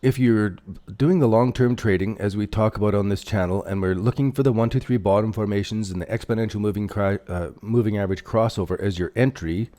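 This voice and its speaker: A man's voice: on the low side, fairly quick, warm tone. A man with a Canadian accent hosting a casual livestream, thinking aloud over charts and answering viewer chat. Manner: rambling, thinks aloud while drawing on charts. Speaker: crypto livestream host.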